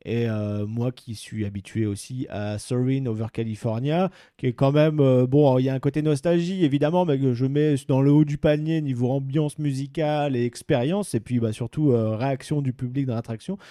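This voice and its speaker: A man's voice: mid-range voice, fairly even intonation, moderate pace, hardly any pauses, dark tone, no echo, studio quality. A man in a casual podcast chat, sharing his ride impressions with many hesitations.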